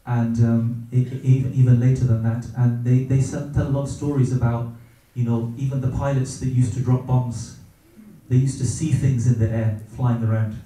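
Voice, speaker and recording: A middle-aged man giving a gentle, reverent religious talk about his own experiences, pausing often as he searches for words. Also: medium pitch, little pitch movement. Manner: gentle, reverent, hesitant with many pauses and fillers. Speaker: speaker sharing personal experience. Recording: very echoey room, distant from mic.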